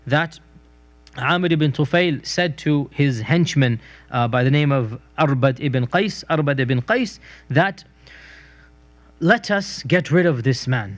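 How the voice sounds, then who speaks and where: A middle-aged man giving a recorded religious history lecture, telling stories conversationally and acting out quoted speech. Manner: storytelling, acts out quoted speech with raised pitch; conversational with fillers and restarts.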